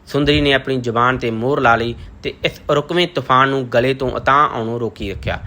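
A man narrating a novel aloud in a measured, literary reading style. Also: mid-range voice, bright, forceful tone. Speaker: audiobook narrator.

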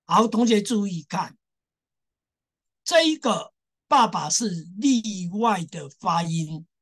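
A woman teacher speaks slowly and patiently to her class, with a voice of middle pitch. She drills the sounds over and over and leans on the exceptions so that students take note. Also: lively intonation. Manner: addresses class directly, stresses exceptions. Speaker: Japanese language teacher. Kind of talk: classroom lesson.

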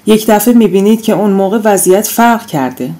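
A woman reading an audiobook, voicing a middle-aged father who tries to calm his daughter with soothing reasoning. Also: medium pitch, lightly acted.

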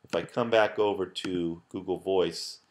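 A man with a very deep voice walks through a coding screencast at his desk. He talks casually and loosely, with lots of "okay" and "you know", and often starts sentences over. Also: fairly even intonation, measured pace. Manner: casual, many fillers and restarts. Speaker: professor teaching app building. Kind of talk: screencast tutorial.

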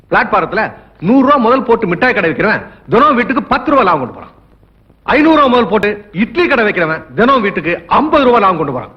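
An actor playing an arrogant, corrupt government minister in a film drama, haughty and scornful, speaking in rhetorical flourishes. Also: male voice, very high voice. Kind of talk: dramatic Tamil film dialogue. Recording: dull lo-fi film soundtrack.

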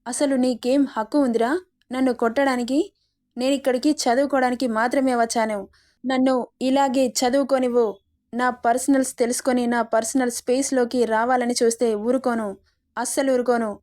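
A woman gives voice to a defiant young student heroine in a romance story, scolding and indignant. The voice sits fairly high. She stands her ground and lectures. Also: steady tone, normal speed, darkish tone, natural voice. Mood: angry.

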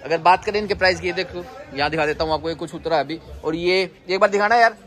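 A man in his thirties from India, a wholesale seller walking through a warehouse and pitching stock to viewers in a brisk, casual vlog. He is filmed on a handheld phone as he moves around the site. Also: a bit bright, some chatter behind. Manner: brisk salesman pitch, addresses viewers as guys. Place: large warehouse and loading yard, partly outdoors. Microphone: handheld phone selfie camera, moving around.

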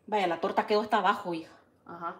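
A woman's voice: medium pitch, fairly even intonation, fast. A Salvadoran woman hosting a casual cooking show. She chats and teases, and calls out her food like a street vendor. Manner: chatty, teasing, calls out dishes like a street vendor. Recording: echoey kitchen with clattering dishes.

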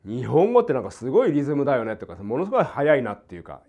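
An older man from Hokkaido with a light Hokkaido accent, teaching jazz guitar in a casual, animated way and acting out rhythms and quoted voices. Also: mid-range voice, rapid-fire. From Hokkaido, Japan. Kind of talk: casual spoken lesson. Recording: dull lo-fi recording.

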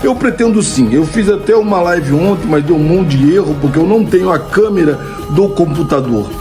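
Faint music plays behind a middle-aged Brazilian comedy creator who answers viewer questions in a relaxed monologue, speaking into his old phone camera at close framing in a room at home. With a Brazilian Portuguese accent, he sounds fairly high-pitched, animated and a bit fast, with a dark tone. He often laughs at his own jokes and repeatedly asks "né?".

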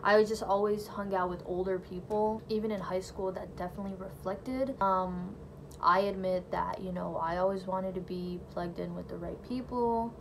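A gravelly, fairly low voice comes through a low-quality recording with a bit of background noise. The speaker, a young woman of Brazilian family whose first language is Portuguese, casually tells the story of her faith to a close-up camera or phone in her small bedroom, chatty and peppered with "like" and "you know," laughing a little.

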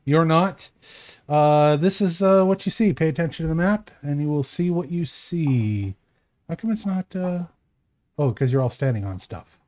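A man's voice: a little high, lively intonation, normal speed, darkish tone. A man running a tabletop game as game master, talking in a casual, rambling way with fillers.

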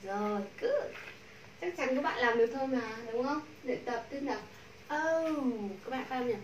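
A woman with a Vietnamese accent teaching English pronunciation to a class, modeling sounds slowly and repeating drills. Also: high voice, distant mic. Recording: echoey room, from the mic, faint noise.

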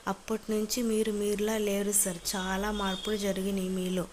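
A woman's voice: mid-range voice, level tone, fairly quick, a little mellow, slight background noise, natural voice. A woman reading a hurt, accusing young wife. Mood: reproachful. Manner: accusing, reproachful.

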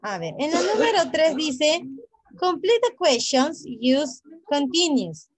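High, slow-speaking woman teacher. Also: very animated, a little hiss or hum, low-quality recording. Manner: repeats each phrase in English and then in Spanish; patient, quizzes students by name. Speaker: English teacher.

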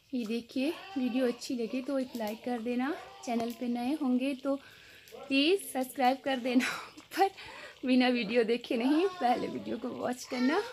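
A woman from Himachal Pradesh chatting slowly to her viewers as she cooks at a home stove, filmed on a phone. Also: high-pitched, background noise. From Himachal Pradesh, India. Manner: slow, chatty, addresses viewers as friends. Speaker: cooking vlogger. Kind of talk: casual cooking narration. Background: sizzling and stirring in a pan.

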